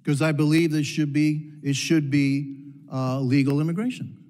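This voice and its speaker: A Cuban congressman presses a witness at a heated committee hearing, asking repeated, pointed questions. His voice is on the high side, darkish, fairly even in intonation, and at normal speed, carrying the long reverb of a large hearing room.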